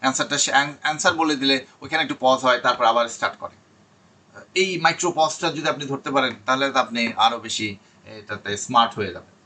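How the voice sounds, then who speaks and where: Man, online teacher, bright tone, mid pitch, slow read-out English tips. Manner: reads English tips slowly, explains in Bengali. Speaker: IELTS teacher. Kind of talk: online lesson.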